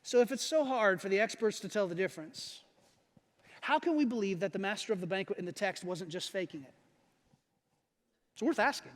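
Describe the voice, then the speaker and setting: A man in his forties preaches a sermon to his congregation in a casual, joking way, acting out the people in his stories. His voice sits very high for a man. It rings out with a long echo through a church hall. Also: animated, brisk, pauses often. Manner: conversational, jokey, acts out voices of characters. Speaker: pastor. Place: church sanctuary.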